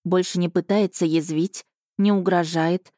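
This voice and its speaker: Woman reading an audiobook, low voice, dry close mic, even and measured. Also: dry recording. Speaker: audiobook narrator. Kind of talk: first-person novel narration.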